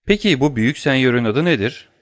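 A man's voice: medium pitch, animated, fairly quick, no room sound, studio quality, pitched above the performer's own voice, close to an everyday voice. A man voicing a stern, commanding nobleman disguised as a priest, reading an audiobook. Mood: probing. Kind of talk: audiobook character voice.

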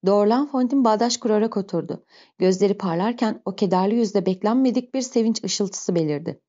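Mellow-voiced woman narrating an audiobook. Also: mid-range voice. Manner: slow, measured storytelling. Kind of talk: audiobook reading of a novel. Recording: dull lo-fi recording.

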